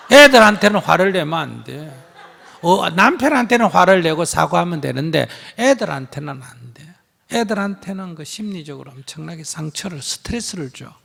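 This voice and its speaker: A man's voice: high-pitched, sing-song, normal speed, vocal fry, a bit bright. A man with a Gyeongsang accent, a Buddhist monk answering questions in a live teaching, blunt and emphatic, acting out bits of dialogue. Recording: hall reverb.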